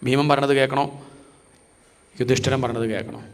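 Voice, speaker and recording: A man's voice: mid-range voice, level tone, a little fast, big-room sound, natural voice. A man voicing a torn young warrior prince asking his god what he should do. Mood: troubled.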